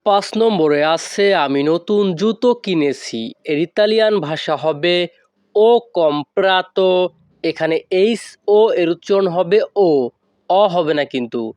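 A man teaching a language lesson, saying each phrase very slowly and then explaining what it means. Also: a little high, lively intonation, darkish tone, dry recording.

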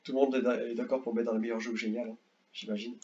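Young man, casual gaming commentator; rambly, excitable, muffled home recording. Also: mid-range voice, fast talker. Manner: rambling, repeats words, excitable bursts. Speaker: gaming youtuber. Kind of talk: casual tier-list commentary.

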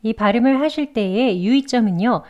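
A woman's voice: on the high side, normal speed, darkish tone. Woman, pronunciation teacher, patient step-by-step explaining, slightly dull lo-fi recording. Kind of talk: instructional lesson narration.

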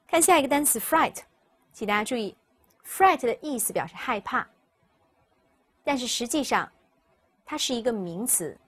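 A woman teacher, explaining English vocabulary step by step and repeating each word slowly for students. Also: a little high, slightly rough. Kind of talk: recorded vocabulary lesson.

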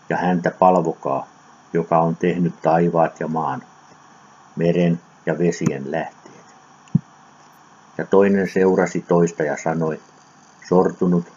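A man giving a solemn, measured scripture reading for an audiobook, with occasional slips. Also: rumbling low, warm tone. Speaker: scripture reader. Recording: dull lo-fi recording with faint noise.

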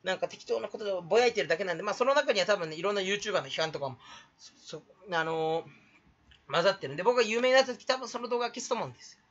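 Young male vlogger, quick and bright, jokes his way through a rambling monologue with a mock Kansai lilt. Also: sits high, expressive, highs cut off. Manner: jokey, self-mocking, rambling. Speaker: YouTuber. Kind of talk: rambling solo vlog talk.

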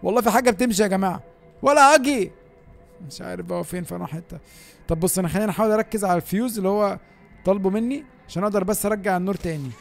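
A man with an Egyptian Arabic accent giving excitable, chatty gameplay commentary and talking straight to his viewers. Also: high-pitched, racing, creaky, faint music behind. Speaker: gaming YouTuber.

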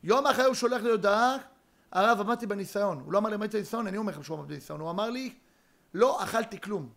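A man giving a Torah lecture as a rabbi, telling a story with dramatic pauses and sudden emphasis. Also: high-pitched, creaky, fairly bright tone.

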